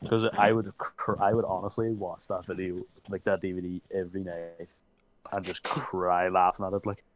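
A man's voice: deep voice, flat delivery, moderate pace, low-quality recording. A young man, reminiscing in a casual chat, with lots of fillers.

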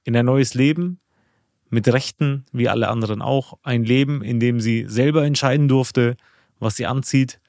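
A man's voice: mid-range voice, normal speed, a little mellow, no echo. Man, podcast host, earnest questions, dry close sound. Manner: earnest, fills with "äh" and restarts when asking questions. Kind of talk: podcast interview. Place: indoors.

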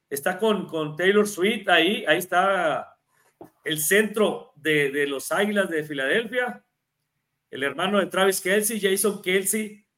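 In a bright, high-pitched, forceful voice, a Mexican Spanish-accented man co-hosts a relaxed NFL talk show full of sports analysis. He's chatty and often repeats words when he starts over.

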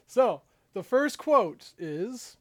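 A man's voice: very high-pitched, a bit bright. A man hosting a casual podcast chat and running a quiz game, joking and laughing often as he talks. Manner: laughs often while talking, loose and joking.

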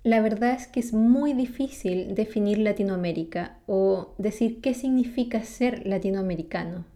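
This is a friendly explanatory vlog by a Chilean woman, a native Spanish speaker with a Chilean Spanish accent. Her mid-range voice has a dark tone and moves at normal speed, and she laughs between points while frequently asking the listener questions.

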